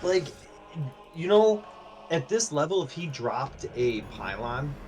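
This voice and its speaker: A man co-casting a live strategy game, excitable and jokey, talking in quick bursts. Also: on the high side, a little hiss or hum. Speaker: esports co-caster.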